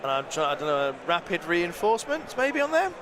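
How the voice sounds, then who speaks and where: A man's voice: high voice, very animated, a little fast, noisy background. A British man commentating a live tabletop game tournament in a chatty, rambling way that often corrects itself. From Britain. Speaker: stream commentator.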